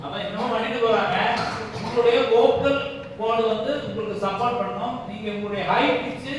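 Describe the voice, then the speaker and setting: A woman's voice: fairly high pitch, fairly quick, dull audio, a crowd in the background. A woman leading a public speaking workshop, explaining points and often checking that the room understands. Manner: explains, then checks understanding with frequent questions. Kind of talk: workshop lecture with demonstrations. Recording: echoey hall, distant mic, faint ambience.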